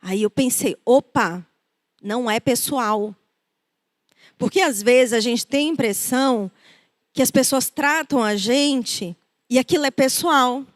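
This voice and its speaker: A woman's voice: fairly high pitch, measured pace, no room sound, studio quality. A middle-aged woman with a Brazilian Portuguese accent, preaching a conversational sermon and acting out the people she quotes. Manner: conversational, acts out quoted voices. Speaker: preacher and counselor.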